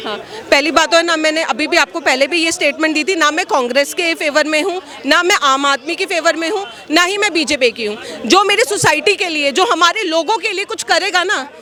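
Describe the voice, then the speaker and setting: Woman, passer-by, argumentative, very high voice, mixes english words. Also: brisk, pushed and bright, some chatter behind. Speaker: passer-by interviewee. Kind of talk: opinionated street interview answers.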